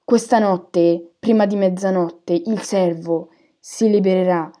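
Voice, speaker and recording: A woman narrator gives voice to an eccentric divination teacher from a storybook. She coos softly in a warm, mellow tone, then breaks into a hard, loud trance voice. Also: lowish voice, fairly even intonation, takes it slowly. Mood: harsh trance. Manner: sweet and hushed, turning harsh and loud in trance. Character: eccentric female divination teacher, misty, theatrical.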